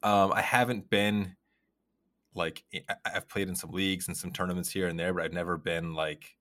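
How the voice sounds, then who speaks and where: A man's voice: low-pitched, fairly even intonation, normal speed, pushed and bright. A man co-hosting a podcast, talking in a loose, rambling way with many fillers. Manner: rambling, filler-heavy talk. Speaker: podcast co-host. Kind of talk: casual chat.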